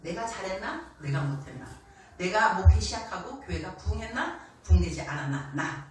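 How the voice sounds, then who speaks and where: A middle-aged woman missionary preaching a sermon, animated and often laughing as she acts out the voices she quotes. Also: medium pitch, moderate pace. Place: church sanctuary. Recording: echoey church hall, distant mic, faint noise.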